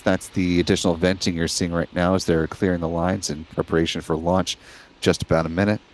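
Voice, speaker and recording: A man's voice: sits low, low-quality recording. A man hosting a live stream, giving informative, orderly explanatory commentary.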